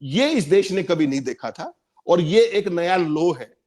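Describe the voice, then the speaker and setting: A man's voice: high-pitched, expressive, a little slow, darkish tone. A man giving emphatic political commentary on a panel, repeating points for stress.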